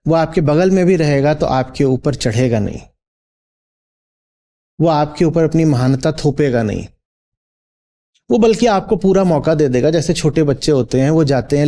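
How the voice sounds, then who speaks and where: A man's voice: fairly high pitch, normal speed, warm tone. A man teaching as a spiritual teacher in a discourse, posing rhetorical questions and checking in with his listeners.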